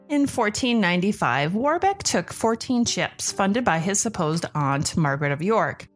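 A woman hosting a podcast, reading scripted narration. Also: medium pitch. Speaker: podcast host.

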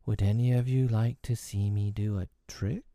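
A man acts out a humble little storybook boy, bashful and gloomy. The words come heavily and hesitantly, in a soft, mellow voice recorded very dry. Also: on the low side, fairly even intonation, dry recording, natural voice. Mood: resigned. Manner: heavy, slow, hesitant delivery.

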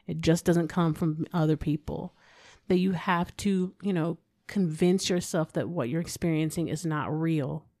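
A woman co-hosting a psychology podcast, talking in a relaxed, conversational way and laughing now and then. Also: low-pitched, unhurried, no echo, clean studio sound. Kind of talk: casual podcast discussion.

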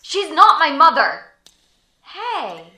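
A woman voicing a mistreated orphan boy who talks in a whiny, excitable way. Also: a little high, takes it slowly, exaggerated voice. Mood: exasperated. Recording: echoey room.

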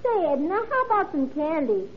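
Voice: very high-pitched, big pitch swings, normal speed. A young performer playing a naive, cheeky little boy in a 1930s-style radio drama, with guileless slangy talk. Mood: eager. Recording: dull, noisy old radio recording.

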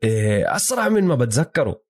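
A man's voice: mid-range voice, very animated, fast, darkish tone, husky. A man with a Levantine Arabic accent co-hosting a casual sports chat, mixing English terms into his Arabic. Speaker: sports podcast co-host.

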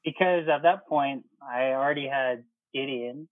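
A man in his thirties, an air traffic controller, chats through his own story as an interview guest, quoting conversations as he goes over a muffled line that sounds like a phone. He speaks unhurriedly in a mid-range voice, on a dry recording.

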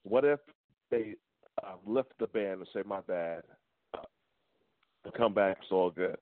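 Low-voiced man calling in over a tinny phone line. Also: no room sound. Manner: deliberate, repeats points for emphasis. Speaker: caller to a talk radio show. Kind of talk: call-in opinion on a talk show.

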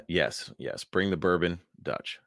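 A man's voice: deep voice, creaky, sharp tone, no room sound, clean studio sound. A male podcast host who reads his own written account aloud and then chats casually, wry and sarcastic, laughing often.

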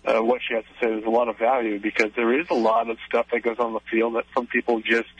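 A man's voice: mid-range voice, little pitch movement, quick pace, a bit bright, husky, dry recording. A man calling in to a radio show over the phone, chatting casually and hesitating with many fillers. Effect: phone call into a radio show. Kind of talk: casual on-air chat. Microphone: telephone. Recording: dull dry phone line.

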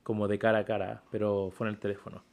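A man's voice: lowish voice, level tone, fast, vocal fry, darkish tone. A man speaks in a casual podcast chat. He stumbles and repeats words as he goes. His delivery is hesitant and unpolished. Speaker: podcast co-host.

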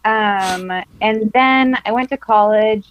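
She speaks slowly in a voice on the high side: a woman in her 20s from Costa Mesa, California, who works as a film photographer and is a guest on a podcast. The casual interview is full of her laughter and filler words like "like" and "um," and the recording quality is low.

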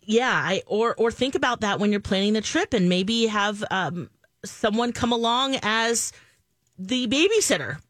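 A woman co-hosting a radio call-in show, speaking in a thoughtful, gentle, casual way. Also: fairly high pitch, animated, a little slow, no room sound. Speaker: radio co-host.

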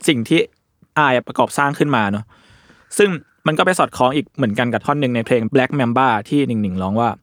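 A man's voice: medium pitch, quick pace, no echo, studio quality. A man hosting a casual podcast discussion, explaining ideas at length with fillers and casual swearing. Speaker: podcast host.

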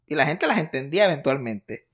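A man in his thirties with a Puerto Rican accent, co-hosting a casual chat, animated and profane, tossing English words into his talk. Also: a little high, fairly quick. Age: 30s. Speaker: podcast co-host.

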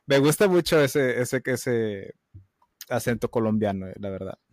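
A man with a northern Mexican accent, hosting a casual podcast interview, asking curious questions with frequent halting restarts. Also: medium pitch, lively intonation, no room sound. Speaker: podcast host.

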